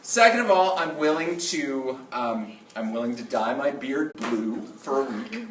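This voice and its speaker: A man's voice: medium pitch, lively intonation, a bit bright. Male teacher addressing a class, roomy distant sound. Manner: halting, repeats okay to check attention. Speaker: middle school teacher. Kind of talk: informal announcement to a class. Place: indoor classroom with students. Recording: roomy classroom, distant mic, faint noise.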